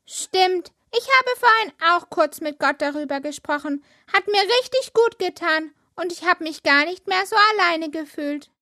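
A woman voicing a spirited young girl woodworm in a children's audio drama, lively and childlike. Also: very high voice, normal speed, hardly any pauses, dry recording, clean studio sound, full character voice. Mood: earnest.

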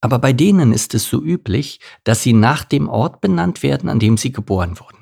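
Man, children's story narration, husky, gravelly, playful. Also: medium pitch, animated, a little fast, a little mellow. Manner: playful, addresses listeners directly. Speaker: audiobook narrator.

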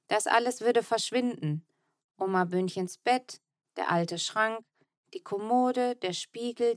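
A woman's voice: medium pitch, dry recording. Woman reading a children's story, dry sound. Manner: even, tender storytelling in the first person. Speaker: audiobook narrator. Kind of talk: scripted narration of a children's book.

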